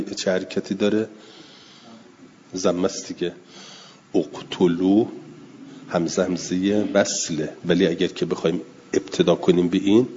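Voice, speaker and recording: A deep, dark-toned man gives a slow, deliberate classroom lecture on Quranic recitation, reading out passages and then explaining them. His voice rings with a long hall reverb, and the recording sounds dull and lo-fi. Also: slight background noise. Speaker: teacher.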